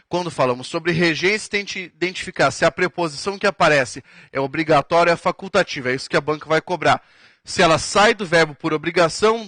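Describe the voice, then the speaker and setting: Man, Brazilian Portuguese accent, exam prep teacher, bright voice, slightly high, drawn-out key words, dry close sound. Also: no room sound. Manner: drawn-out emphatic words, frequent "tá?" check-ins, writing on a board. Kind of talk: recorded grammar lecture.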